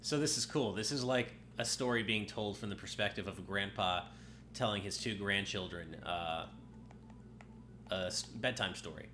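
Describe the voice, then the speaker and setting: This gameplay streamer talks at a moderate pace in a sharp, low voice, with slight background noise and game music in the mix. His casual commentary is slightly nasal and keeps breaking off mid-sentence while he plays.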